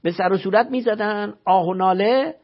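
A man's voice: high voice, dull audio. A man, a religious scholar, giving an emphatic explanatory talk full of rhetorical questions and recited scripture, heard on a radio broadcast.

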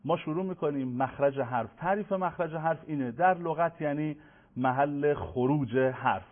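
A man teaching Quran pronunciation in a televised lesson, patient and formal, addressing viewers politely and slowing down to chant verses. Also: a little high. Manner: slows to chant Arabic verses. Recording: tinny phone-like broadcast sound.

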